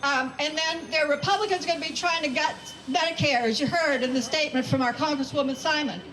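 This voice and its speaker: A woman's voice: high-pitched, quick pace, fairly bright tone, low-quality recording. A woman giving an emphatic, rousing rally speech to a crowd, repeating phrases for effect. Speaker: rally speaker and community organizer.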